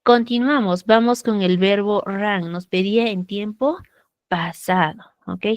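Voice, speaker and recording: A woman's voice: medium pitch, unhurried, dry recording. A woman teaching an English grammar class online in Peruvian Spanish, patiently checking understanding with frequent tag questions. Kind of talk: online class over video call. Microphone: computer mic on a video call.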